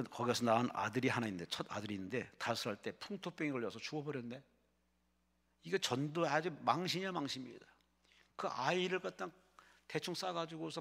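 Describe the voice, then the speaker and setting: A male pastor delivering a dramatic sermon, swinging between loud, fervent exclamations and hushed, storytelling passages. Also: mid-range voice, gravelly. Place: prayer retreat sanctuary. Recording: long hall reverb.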